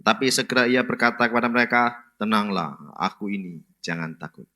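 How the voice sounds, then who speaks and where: A man reading scripture aloud in church at a steady, even pace. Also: lowish voice, fairly quick.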